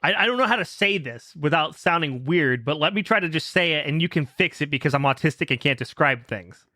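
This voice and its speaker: Bright lively high-voiced guy rambling on a podcast, dry sound. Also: a little fast, dry recording. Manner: rambling, lots of fillers and swearing. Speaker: podcast host. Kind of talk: casual chat.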